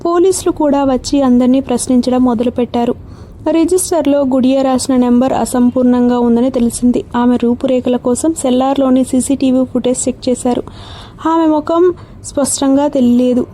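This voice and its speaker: A woman reading a crime novel aloud as a steady audiobook narrator. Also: high-pitched, moderate pace, slight background noise. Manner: steady storytelling.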